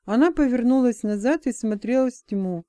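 A woman reads a story aloud in a measured, even narration. Her voice is smooth and mellow, pitched a little high. The sound is close and dry. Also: dry recording. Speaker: audiobook narrator. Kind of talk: scripted narration.

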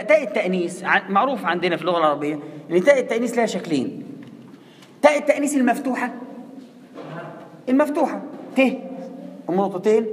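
A man with an Egyptian Arabic accent teaching a tajweed class, speaking quickly and conversationally, often putting questions to his students. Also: high-pitched, slight background noise. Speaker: Quran recitation teacher. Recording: echoey hall, faint room ambience.

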